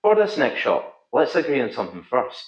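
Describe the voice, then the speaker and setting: Thick-accented Scottish man, lively and melodic. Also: mid-range voice, brisk. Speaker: pool instructor, video host. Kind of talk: scripted instructional narration. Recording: slightly dull, roomy echo.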